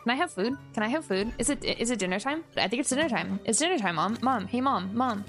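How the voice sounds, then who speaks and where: Girl doing a clingy puppy voice, whiny, keeps pleading for dinner, kinda quiet. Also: on the high side, lively intonation, quick pace, faint music behind. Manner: repetitive, pleading, soft. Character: needy begging pet dog, whiny and clingy.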